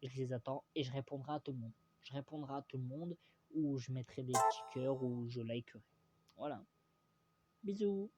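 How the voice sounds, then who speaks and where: A young Frenchman with a medium-pitched voice talks at normal speed through a casual football vlog. He rambles hesitantly, full of fillers and restarts, while teasing and sharing strong opinions.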